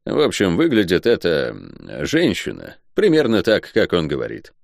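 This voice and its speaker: A shaken court mage who speaks haltingly, searching for words, as a male reader voices him. His tone is low and careful, recorded dry and close. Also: wildly swooping pitch, vocal fry, no room sound, heavily acted. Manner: hesitant, halting.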